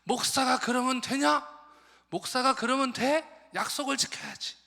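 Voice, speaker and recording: A man voicing a grumbling older woman church elder who loudly scolds and complains. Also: very high voice, lively intonation, moderate pace, gravelly, pitched above the performer's own voice, full character voice. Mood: scolding. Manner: loud, nagging, scolding. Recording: long church hall reverb.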